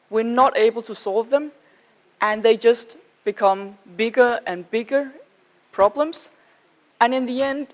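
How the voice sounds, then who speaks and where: A conference speaker from Denmark talks to the audience with a Danish accent, keeping it informal and measured and checking in with people. Her pitch is fairly high.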